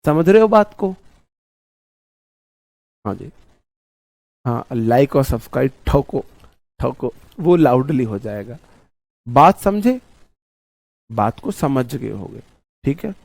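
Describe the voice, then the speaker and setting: A man teaching English grammar in an online class, animated, swinging between loud mock shouting and quiet asides, repeating key words slowly. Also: mid-range voice, gravelly, no echo.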